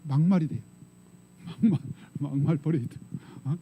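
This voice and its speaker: A male pastor from South Korea preaches in a conversational style, often pausing to prompt the congregation with short questions. His voice is husky and on the high side, and the sound is phone quality.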